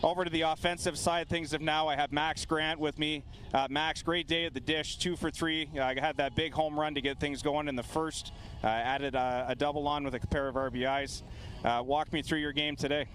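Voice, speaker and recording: A man's voice: a little high, level tone, normal speed, fairly bright tone. A man working as a field-level sports reporter, doing a live post-game interview outdoors.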